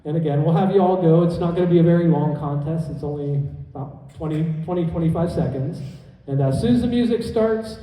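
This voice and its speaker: Male stage hypnotist emcee, soft-edged tone, instructing and repeating himself, heard distantly in a reverberant hall. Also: a little high, a little fast, hardly any pauses. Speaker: comedy hypnotist and show host. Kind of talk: live stage show emceeing to an audience. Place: indoor conference hall stage. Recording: echoey hall PA, heard from far off.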